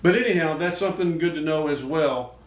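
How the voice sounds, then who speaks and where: A man's voice: a little high, brisk. Echoey, distant man hosting casual how-to talk. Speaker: host of a duck call show. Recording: echoey noisy room, distant mic.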